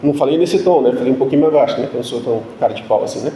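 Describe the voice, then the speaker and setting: A man's voice: medium pitch, rapid-fire, mellow, a little hiss or hum. A man preaching a sermon as pastor, telling a humorous, self-mocking personal story. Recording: echoey room sound.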